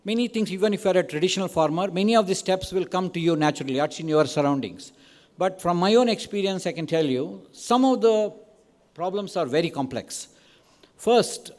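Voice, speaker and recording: In a reverberant hall, a man with an Indian accent gives an informal podium speech. His voice sits a little high, and he talks conversationally, often adding small check-in questions. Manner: conversational, frequent "right?" and "okay?" check-ins. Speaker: conference speaker. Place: large indoor event hall, on stage. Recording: long reverberant hall sound.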